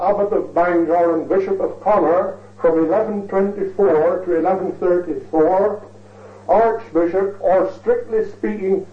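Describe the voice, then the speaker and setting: Heard from a distance through a tinny, echoey, phone-like recording, a formal lecturer with a high voice speaks in a lecture hall. He is measured and elaborate in his phrasing and keeps repeating lines to stress them.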